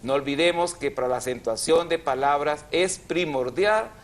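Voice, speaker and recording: A male television host teaches spelling and accent rules to viewers in a measured, explanatory way. His voice sits a little high for a man, and he slows down to spell words out syllable by syllable. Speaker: TV language program host. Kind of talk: didactic TV chat.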